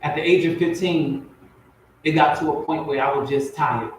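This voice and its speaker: A fairly high-pitched male voice with fairly even intonation and a moderate pace belongs to a spoken word poet who was raised in Compton, California and Portmore, Jamaica. As a talk show guest, he tells his story informally, driving it home with repeated phrases. It's recorded with heavy echo, distance and noise.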